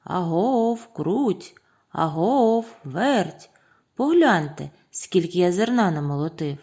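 A woman voicing a hardworking, patient little rooster in a children's audio tale, calm and at times hushed. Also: on the low side, slow, breathy edge, heavily acted. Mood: calling.

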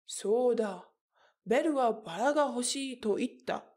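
A woman voicing a weary middle-aged merchant father, speaking slowly in a lowered voice as if muttering to himself. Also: darkish tone, close to an everyday voice. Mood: recalling.

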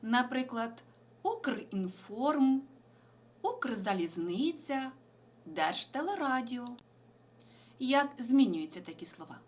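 A woman teacher with a high voice and a lot of movement in her pitch, giving a remote school lesson. She explains each point clearly and spells out abbreviations letter by letter at a slow, deliberate pace. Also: sing-song.

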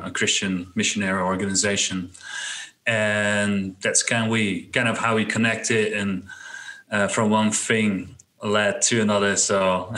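A man's voice: lowish voice, pushed and bright, rough recording. A young man from the Netherlands speaking with a Dutch accent as a guest on a video call, talking casually and hesitantly with many fillers and restarts. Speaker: guest web designer. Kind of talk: casual interview chat. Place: small home room. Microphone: headset on video call.

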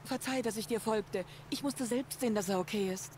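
An actress voicing a caring sister in a video game, speaking in a gentle, earnest way. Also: female voice, fairly high pitch, brisk, a little hiss or hum, natural voice. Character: caring sister of a troubled man.

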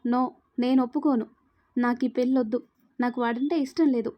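A woman's voice: on the high side, steady tone, fairly quick, highs cut off, natural voice. A woman voicing a frightened young woman in a spoken story, pleading and crying out in distress. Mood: distraught.

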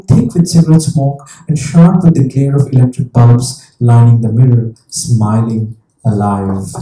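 A man with a very dark, mellow voice speaks thoughtfully at a public talk, pausing and restarting as he goes. He also reads from his own novel. He sounds set back from the mic in a roomy, echoing venue. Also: mid-range voice, recorded from a distance. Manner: reflective, with pauses and restarts. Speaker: author and guest speaker. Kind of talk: onstage conversation and reading aloud. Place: talk venue before an audience.

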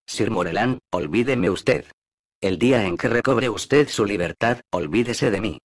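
A man's voice: fairly low pitch, expressive, unhurried, no room sound, studio quality. A man voicing an earnest young woman in an adventure audiobook, pleading in an earnest manner.

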